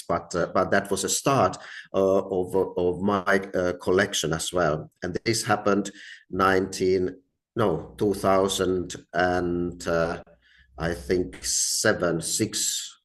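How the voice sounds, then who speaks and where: A middle-aged man with a non-native English accent tells his story in an informal lecture, very hesitantly, with many filled pauses and repeated words. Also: lowish voice. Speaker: speaker giving a talk, art collector.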